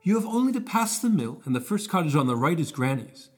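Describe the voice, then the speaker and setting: A man voicing a cheerful little girl in a storybook reading, pitching up high and sing-song, with music behind. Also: very animated, quick pace.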